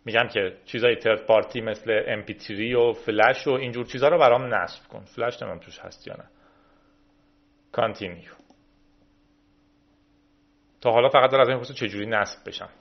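A man from Iran talks his way through menus step by step in an informal screen-recorded tech video. He speaks at a medium pitch, with the upper frequencies cut off.

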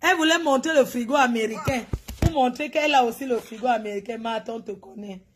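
A woman's voice: a little high, brisk, background noise. A woman hosts a gossip channel. She gives mocking commentary over a video and scolds and teases the person on screen directly. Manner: scolding, teasing, talks straight at the person on screen.

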